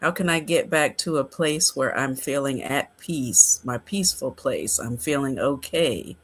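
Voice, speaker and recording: A man's voice: medium pitch, unhurried, a bit bright, breathy edge. A man in his sixties on a casual podcast, explaining ideas in a conversational way.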